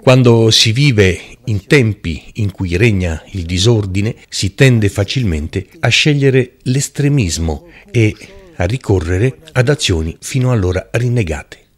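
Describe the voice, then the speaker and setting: Male preacher, lower voice, very expressive pitch, slow and emphatic Bible teaching. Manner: emphatic, deliberate, rhetorical.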